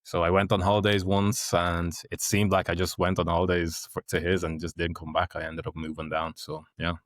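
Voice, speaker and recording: A man born in Nigeria and raised in Ireland, hosting a relaxed, easygoing podcast chat. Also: low-pitched, brisk, no room sound. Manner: relaxed, easygoing, lots of backchannel. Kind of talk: casual chat.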